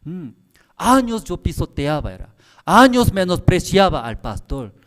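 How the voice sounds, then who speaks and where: Animated pastor preaching, higher male voice. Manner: repetitive, pressing rhetorical questions to the congregation; halting, broken phrasing. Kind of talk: sermon at a prayer service.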